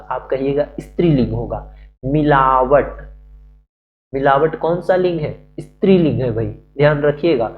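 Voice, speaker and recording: A male teacher giving a classroom-style grammar lesson, asking questions and answering them himself, repeating the key words. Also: medium pitch. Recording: muffled recording with faint hum.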